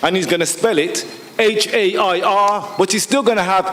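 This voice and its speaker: High-voiced man making an impassioned public comment. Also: moderate pace, big-room sound. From United Kingdom. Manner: forceful, rhetorical, repeats points with questions. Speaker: audience member at a public hearing.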